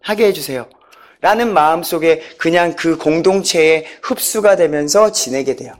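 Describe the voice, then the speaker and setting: A man's voice: a little high, moderate pace. A man giving a personal church testimony, storytelling with animation, acting out quotes and chuckling as he goes.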